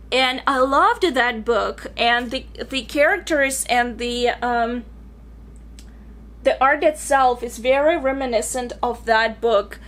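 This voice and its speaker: A young woman with a high, bright voice talks through her recent reads in a casual vlog. She is chatty and enthusiastic, and she grew up in Bulgaria. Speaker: book reviewer. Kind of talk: casual book review vlog.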